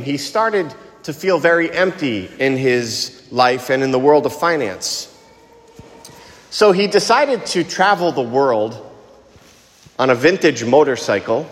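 Man preaching in cathedral-like echo. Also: fairly high pitch. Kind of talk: liturgical reading and homily. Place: large reverberant church, cathedral-like echo. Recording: echoey church hall with long reverb.

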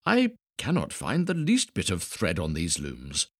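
A man's voice: deep voice, huge pitch swings, measured pace, fairly bright tone, dry recording, clean studio sound, full character voice. A man voicing a flustered old royal wise man who wavers and stammers in a storybook reading. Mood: anxious.

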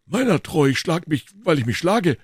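A man reading aloud, voicing a huge, blustering male musketeer who exclaims loudly. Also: high-pitched, very animated, takes it slowly, breathy edge, no echo, studio quality, pitched above the performer's own voice, exaggerated voice.

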